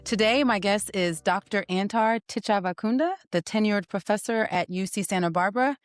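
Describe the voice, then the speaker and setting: A woman's voice: medium pitch, normal speed, no echo, studio quality, faint music behind. A woman in her thirties hosting a podcast, chatting playfully and teasing her guest before telling a story. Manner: playful, teasing, laughs often. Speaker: podcast host. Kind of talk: casual interview chat.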